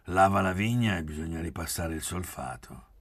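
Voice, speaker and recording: A man's voice: low-pitched, animated, moderate pace, a bit bright, slightly rough, no echo, heavily acted. A man voicing a practical, grumbling middle-aged landowner in a literary audiobook. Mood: matter-of-fact. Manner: grumbling and matter-of-fact.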